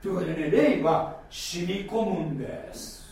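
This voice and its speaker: A man's voice: sits high, moderate pace, darkish tone. A male pastor preaching a sermon, repeating key phrases and asking the congregation questions. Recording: very echoey church hall from far off.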